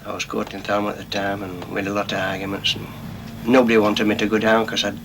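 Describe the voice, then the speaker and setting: A man's voice: on the low side, little pitch movement, quick pace, fairly bright tone, slight background noise. A man, a coal miner talking plainly for an old documentary, his broad local speech full of little asides. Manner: plain-spoken, broad local speech, nervous before going on. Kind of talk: documentary interview.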